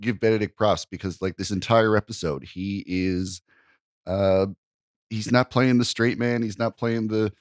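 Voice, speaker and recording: A man's voice: fairly low pitch, steady tone, measured pace, no room sound, clean studio sound. A man co-hosting a comedy podcast, talking in an easygoing way and chuckling between phrases. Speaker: podcast co-host. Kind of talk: casual chat.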